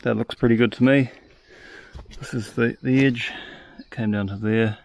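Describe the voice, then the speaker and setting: A man casually explaining his work at an outdoor sawmill yard, recorded on a head-mounted camera, relaxed and thinking aloud. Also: medium pitch, normal speed, gravelly, a little hiss or hum. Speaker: sawmill operator. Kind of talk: casual first-person narration. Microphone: head-mounted action camera.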